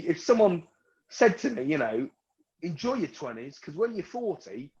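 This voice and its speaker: Over a video call, a stand-up comedian in his forties performs a crude, self-mocking set, rambling and laughing at his own jokes. His voice is a little high, and the recording sounds muffled.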